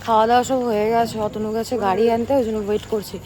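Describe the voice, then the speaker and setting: A woman's voice: a little high, flat delivery, very fast, noisy background. A woman, chatting casually to her viewers in a vlog about her day. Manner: chatty, complaining about heat and tiredness. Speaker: vlogger.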